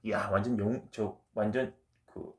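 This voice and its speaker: A man's voice: on the low side, fairly even intonation, unhurried, slight background noise. A man giving a casual exam-prep literature lecture, chatty and full of slang, often checking in with his listeners. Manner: chatty, keeps asking "right?" and drops into slang.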